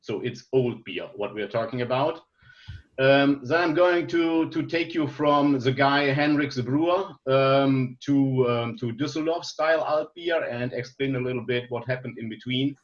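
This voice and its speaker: A man's voice: mid-range voice, moderate pace, dull audio. A man from Germany with a German accent, a non-native English speaker, giving a friendly, hesitant presentation full of fillers and restarts over a video call. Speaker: guest presenter.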